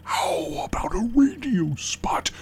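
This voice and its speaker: A performer voicing an eerie, theatrical film projectionist who co-hosts a horror podcast, talking in hushed, creeping whispers with a dramatic drawl. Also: medium pitch, big pitch swings, slow, husky, full character voice. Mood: sinister. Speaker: projectionist, co-host persona.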